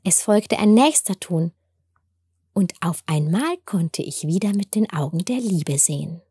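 A woman narrating a gentle storybook tale in a tender, wondering way. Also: fairly low pitch, animated, measured pace, breathy edge, no echo, studio quality. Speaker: storyteller and author.

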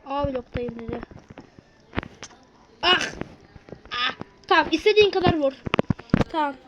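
Excitable high-pitched woman gamer. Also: a little slow, highs cut off. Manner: excitable, chatty, bursts into shouts. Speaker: gameplay channel host. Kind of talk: live gameplay commentary. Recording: noisy home recording.

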